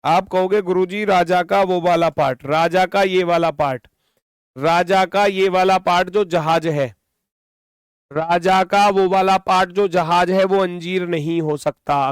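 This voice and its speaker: A man's voice: high-pitched, fairly even intonation, measured pace, smooth, dry recording, clean studio sound. A man teaching a reasoning class online, explaining with lots of repetition and scolding students now and then.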